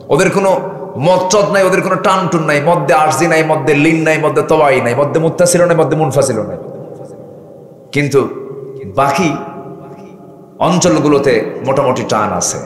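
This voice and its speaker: A man preaching a sermon to a large gathering. He chants and rises to high, emphatic calls and keeps asking the crowd questions. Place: large outdoor religious gathering. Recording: echoey PA sound in a large space.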